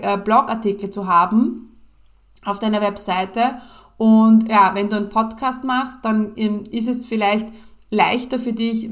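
A middle-aged woman hosting her podcast alone at a home mic, talking casually with lots of fillers and "ja" tags. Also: fairly high pitch. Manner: chatty, many fillers and "ja" tags. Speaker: podcast host and business coach. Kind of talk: casual solo podcast talk.

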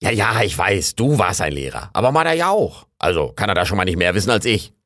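A man's voice: lowish voice, very animated, fairly quick, a bit bright, no echo, studio quality. A man voicing a boastful, chatty male raccoon in an audiobook, rambling on in a self-important way. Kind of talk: audiobook character voice.

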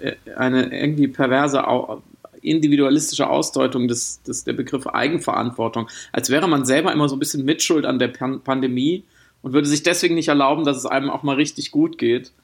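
A man's voice: mid-range voice, fairly even intonation, brisk. A man co-hosting a casual podcast conversation, thoughtful and wordy, often restarting his sentences. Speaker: podcast co-host.

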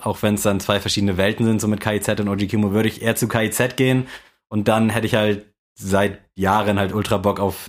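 A young man co-hosting a podcast, rambling along in relaxed, colloquial chat. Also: lowish voice. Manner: laid-back, rambling, with colloquial slang. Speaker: podcast co-host. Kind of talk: casual chat.

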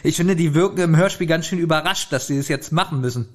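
Male co-host, fairly high voice, casual and thoughtful, laughs in disbelief. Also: fast talker. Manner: thoughtful, compares book and drama, incredulous laughter. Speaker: podcast co-host. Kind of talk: casual episode discussion.

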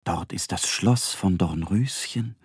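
A man voicing a friendly little moon man who guides the trip in a children's audio story, in a calm, kindly tone. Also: deep voice, takes it slowly, husky, no echo, clean studio sound, voice pushed down, heavily acted.

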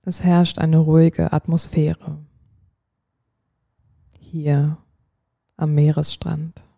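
A sleep-story narrator with a very dark, soft-edged voice leads a guided relaxation. The delivery is slow and soothing, with long pauses between short phrases. The pitch stays even and settles into a gentle creak. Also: no room sound.

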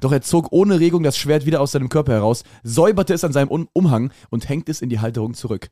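A man's voice: medium pitch, lively intonation, fast, mellow, no echo, clean studio sound. A man co-hosting a podcast, reading a fan story aloud with dramatic flair and laughing at the text. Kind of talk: comic read-aloud.

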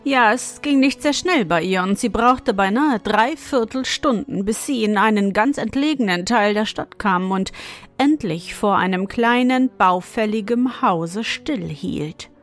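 A woman narrating a fairy tale in a measured, expressive storytelling manner. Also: mid-range voice, soft background music. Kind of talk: fairy-tale audiobook reading.

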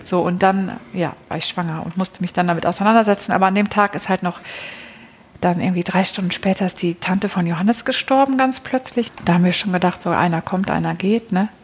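A woman's voice: fairly low pitch, brisk, slightly rough. A woman telling her personal story as an interview guest in a casual, chatty way, often restarting sentences and adding tag questions.

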